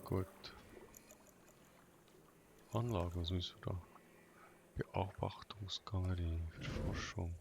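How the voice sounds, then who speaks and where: A deep-voiced man with a gravelly edge talks his way casually through a video game. He mutters to himself and repeats words in a fairly monotone way. Loud game noise runs behind him. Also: takes it slowly, pauses often. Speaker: gamer doing a let's play. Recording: noisy home gameplay recording. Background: loud game ambience and vehicle sounds.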